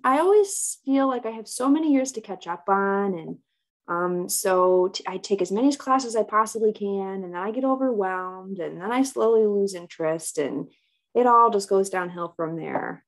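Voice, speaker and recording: A woman's voice: medium pitch, animated, normal speed, vocal fry. A woman speaking as a client in a counseling role-play, talking hesitantly and with self-doubt about herself.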